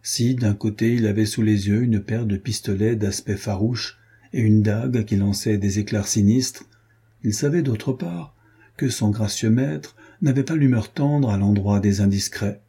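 A man narrating an adventure novel as an audiobook, in a measured, even storytelling way. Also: fairly low pitch, breathy edge.

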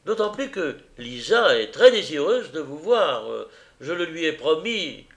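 A man doing an irritable, flustered gentleman. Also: a little high, sing-song, unhurried, voice pushed up, full character voice. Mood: irritated.

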